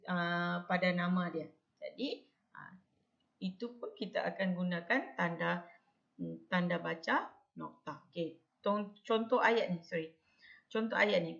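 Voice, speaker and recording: A woman's voice: medium pitch, gravelly, a bit bright, dull audio. A woman teacher giving a patient punctuation lesson, full of fillers and repeated examples.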